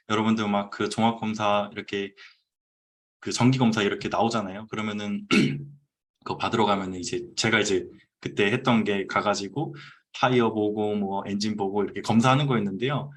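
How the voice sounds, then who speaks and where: A low-voiced guest speaker in his 30s casually shares his business story over a video call, often pausing with "uh" in a relaxed, conversational manner. The sound comes through his computer's mic.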